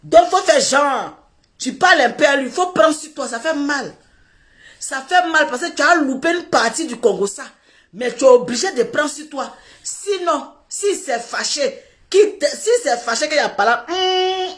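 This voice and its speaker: A woman's voice: sits high, animated, moderate pace, a bit bright. A woman, telling a comic story and acting out little scenes while laughing through her words. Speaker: social media commentator.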